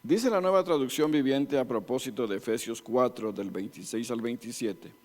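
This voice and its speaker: An Ecuadorian man in his 60s preaches to couples from his church's couples ministry in an echoey meeting room, speaking with an Ecuadorian Spanish accent. His mid-range, slightly mellow voice moves at a moderate pace, and he is folksy and full of jokes, calling his listeners beloved brothers.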